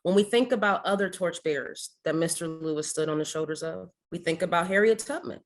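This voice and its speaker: A lowish-voiced woman in her forties from Ohio, USA, gives a keynote speech at a ceremony. Her delivery is measured and rhetorical, building toward challenging questions for the audience.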